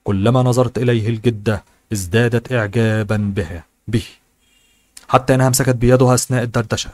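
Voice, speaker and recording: A man reading a translated novel aloud as an audiobook narrator. He reads fast and sometimes stumbles and corrects himself. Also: mid-range voice, fairly even intonation, a little mellow, no room sound.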